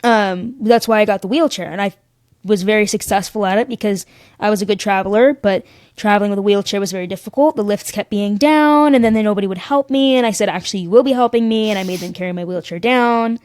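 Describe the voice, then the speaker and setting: Sassy, animated woman telling stories. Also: mid-range voice, quick pace, no room sound, studio quality. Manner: animated, sassy, acts out voices in her stories. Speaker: podcast guest. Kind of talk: casual storytelling chat.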